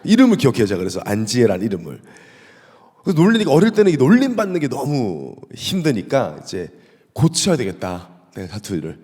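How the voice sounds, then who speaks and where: Lively pastor with a Gyeongsang accent. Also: male voice, medium pitch, fast talker. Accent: Gyeongsang Korean. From South Korea. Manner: storytelling, lively and humorous, asks the congregation questions. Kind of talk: sermon. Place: church sanctuary. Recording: echoey church hall.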